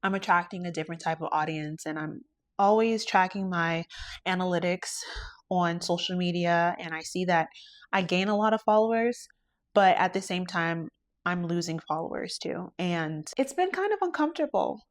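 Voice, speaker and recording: A woman's voice: on the low side, lively intonation, normal speed. A woman hosting her own podcast as a lash artist, talking in an earnest, introspective, faith-centered way. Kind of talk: reflective solo podcast talk.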